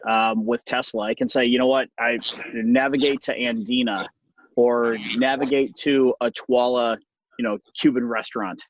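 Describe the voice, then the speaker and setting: Casting: middle-aged Californian-accented man, ordinary mid pitch, wry and rambling conversational delivery, close dry sound, slightly muffled. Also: no echo. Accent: Californian American. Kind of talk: casual conversational talk.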